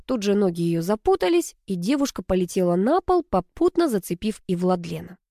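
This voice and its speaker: A woman reading a story aloud as an audiobook narrator, in an even storytelling manner. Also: mid-range voice, fairly quick, no echo, studio quality. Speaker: audiobook reader. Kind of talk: scripted narration.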